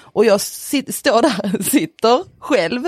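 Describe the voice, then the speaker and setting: A woman telling a story in a casual podcast chat, animated, with lots of fillers and the odd swear word. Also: on the high side, breathy edge, no room sound, clean studio sound.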